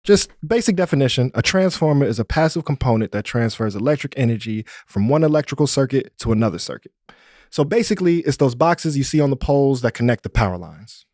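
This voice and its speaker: A man co-hosting a podcast, explaining things in a relaxed, conversational way. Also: medium pitch, fast, no room sound, clean studio sound. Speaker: podcast co-host. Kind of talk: casual explanatory narration.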